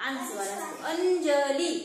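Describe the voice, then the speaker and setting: A woman teaching a class, drawing words out slowly, repeating them and quizzing her students. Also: high-pitched, animated, a crowd in the background. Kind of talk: classroom lesson on reading and writing. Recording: very echoey room.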